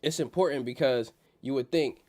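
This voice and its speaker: Warm in tone, this livestream host's medium-pitched voice moves at a moderate pace, though it sounds nasal, as if his nose were blocked. He talks casually about the stock market in slang, repeating phrases to drive points home.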